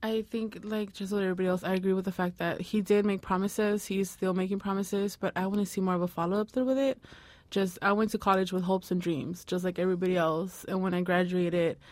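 A woman's voice: mid-range voice, steady tone, a little fast, a little mellow, no echo. A woman in her twenties speaking earnestly and plainly as a radio interview guest. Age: 20s. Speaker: interview guest, recent graduate.

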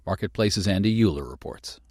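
A man's voice: low voice, lively intonation, fairly quick, a little mellow, breathy edge, dry recording. A man hosting a radio news programme, presenting scripted stories in a studio.

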